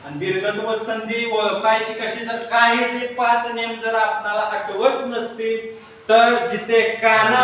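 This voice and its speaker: A male teacher drills his class, asking a question and then answering it back slowly. His voice sits high. It is heard from across a bare, echoing classroom, well away from the mic. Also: fairly bright tone, slight background noise. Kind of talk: classroom grammar lesson. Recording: echoey classroom from far off.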